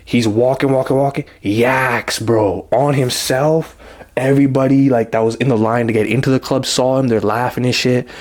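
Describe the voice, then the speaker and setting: A man's voice: medium pitch, level tone, a little fast, few pauses. A young man telling a casual storytime, rambling in heavy slang and acting out what people said. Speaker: vlogger.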